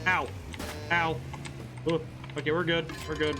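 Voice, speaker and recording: A man giving excited, bemused, exclamatory commentary while playing a video game. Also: a little high, a little slow. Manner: exclamatory, reacts aloud with ows and laughs. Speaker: game streamer, game designer. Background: game music.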